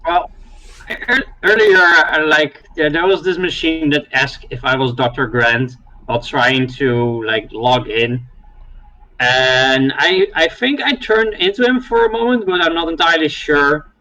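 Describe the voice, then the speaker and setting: A man's voice: fairly high pitch, measured pace, sharp tone, rough recording. A man running a tabletop game, narrating loosely with many fillers.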